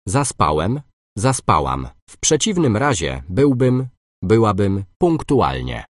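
A man reading short example phrases slowly and clearly for a language course, giving both masculine and feminine forms. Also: lowish voice, big pitch swings, no echo, studio quality.

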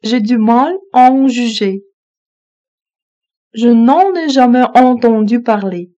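A woman slowly reading French phrasebook lines, saying each one twice in an even manner. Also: fairly high pitch, lo-fi sound. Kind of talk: slow repeated phrasebook reading.

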